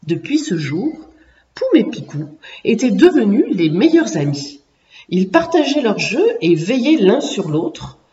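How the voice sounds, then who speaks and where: Female storyteller, mellow and animated, recorded far off in an echoey room with dull sound. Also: on the high side. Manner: expressive, lively storyteller. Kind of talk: storybook narration. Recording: echoey room, distant muffled mic.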